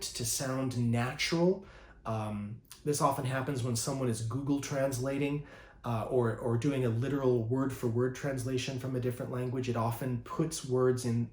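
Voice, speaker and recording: A man's voice: medium pitch, darkish tone, reverberant. Thoughtful man teaching, with many ums. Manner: thoughtful, fond of words, many ums and uhs. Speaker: poet teaching a master class. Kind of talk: informal spoken lesson.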